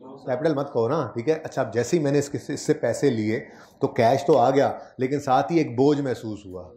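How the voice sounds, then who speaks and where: A man's voice: medium pitch, normal speed, mellow. A man giving a classroom lecture on accounting, explaining step by step and checking in often with his students. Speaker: accounting teacher. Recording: echoey classroom.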